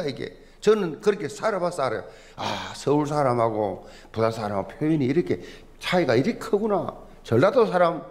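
A middle-aged male pastor with a Busan accent, preaching a sermon in an emphatic, folksy, humorous way. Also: high voice. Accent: Busan Gyeongsang dialect. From Busan, South Korea. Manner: emphatic, swinging from loud stresses to soft asides.

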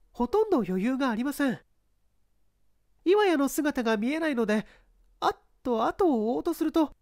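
A female reader performs a young woman's detailed testimony for a dramatized mystery story. The character speaks in a high, lively voice using courteous, formal language. The audio is dry, composed and echo-free.

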